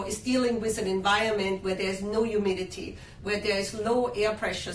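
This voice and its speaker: A woman hosting a live shopping-show interview, talking with lots of fillers and enthusiastic sales talk. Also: mid-range voice. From Austria. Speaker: skincare brand host. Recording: roomy, distant mic, faint hum.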